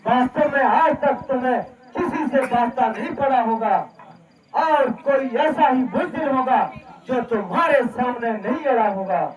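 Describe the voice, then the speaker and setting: A proud, mocking young warrior prince played by a man throws out taunts in a very high voice. It is slow, declamatory folk stage acting, heard through muffled, echoey sound. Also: recorded from a distance. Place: stage of a Ramleela club, distant mic.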